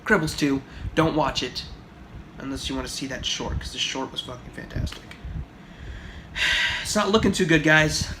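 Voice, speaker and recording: A man's voice: on the high side, moderate pace, long pauses. A young man giving an exasperated, profane, sarcastic movie review rant on his vlog. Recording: noisy home recording.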